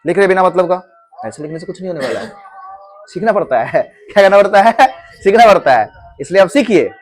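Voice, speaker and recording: Animated and a little fast, a man with a high-pitched voice teaches a class pronunciation at a coaching classroom. Addressing the students as "beta," he repeats his own questions to drill them.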